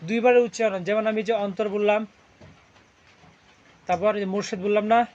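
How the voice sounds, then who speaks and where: Male teacher with a high voice, call-and-response classroom drilling, dull lo-fi recording. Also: steady tone, moderate pace, darkish tone. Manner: quizzes students constantly, ending lines with "right?". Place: classroom with students.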